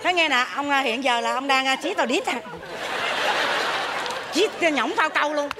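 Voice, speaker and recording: An actress playing a greedy, brash widowed mother, loud and joking on a theater stage. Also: sits high, moderate pace, a crowd in the background, close to an everyday voice. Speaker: mother in a stage comedy sketch. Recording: live stage audio with noise.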